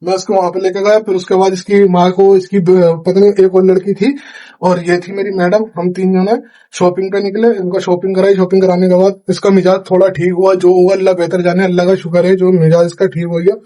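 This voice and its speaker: A man's voice: sits high, level tone, brisk, mellow. A young man chatting casually in a vlog, retelling a night's events with lots of quoted dialogue, from India. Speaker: vlogger. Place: home kitchen at night.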